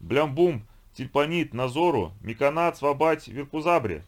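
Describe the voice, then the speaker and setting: A man's voice: a little high, lively intonation, unhurried, voice pushed up. A man voicing a jelly-like alien trader who burbles nonsense words. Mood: burbling.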